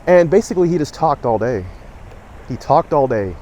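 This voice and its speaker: A man's voice: on the high side, very animated, moderate pace, warm tone, slight background noise. A middle-aged man from Southern California telling a personal memory to camera, rambling with fillers and self-corrections, getting emotional as he talks. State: emotional, choking up. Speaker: vlogger.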